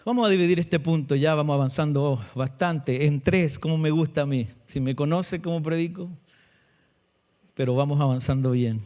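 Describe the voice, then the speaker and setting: A male pastor preaching a sermon, asking the congregation questions and slowing down to stress key words. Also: fairly high pitch, warm tone.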